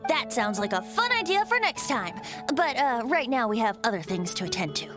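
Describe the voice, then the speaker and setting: A woman's voice: a little high, sing-song, a little fast, over music. A woman voicing a teasing young bard. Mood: wry. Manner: playful, teasing, breezy. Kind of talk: video game voice acting.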